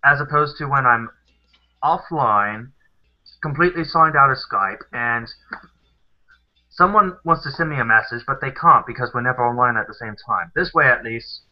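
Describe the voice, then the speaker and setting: A man's voice: mid-range voice, animated, moderate pace. A man from the American South co-hosting a live stream, chatting casually and explaining things at length with many fillers. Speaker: co-host of a live stream show. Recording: dull lo-fi sound.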